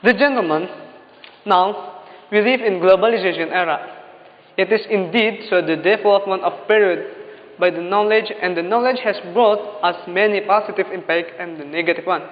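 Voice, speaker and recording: A young Indonesian-accented man with a high voice recites a memorized competition speech at normal speed, formal, declamatory and exhortative. The lo-fi recording sounds dull, with an echoing hall and faint noise.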